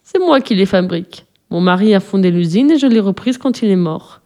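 A woman voicing a kind, widowed green witch in a storybook, speaking gently. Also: mid-range voice, animated, a little fast, close to an everyday voice. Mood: gentle.

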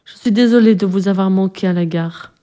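A woman's voice: mid-range voice, a little fast, mellow, natural voice. A woman voicing a loving, hardworking mother in a storybook, speaking earnestly. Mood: tender.

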